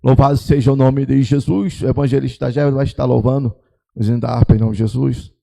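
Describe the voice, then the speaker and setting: A man leading a church service in prayer, building from calm greetings to impassioned pleading. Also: medium pitch, fast, creaky. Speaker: church leader opening the service. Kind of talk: fervent congregational prayer. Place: church sanctuary.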